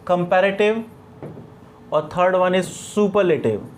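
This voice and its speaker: A man's voice: sits high, slow pace, a little hiss or hum. A middle-aged man with an Indian accent teaching English grammar, explaining step by step and answering his own questions. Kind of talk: classroom grammar lecture.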